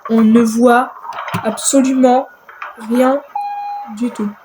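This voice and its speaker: Woman gamer, let's play commentary, highish voice, exclamatory, stammering repeats. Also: level tone, slow, background noise.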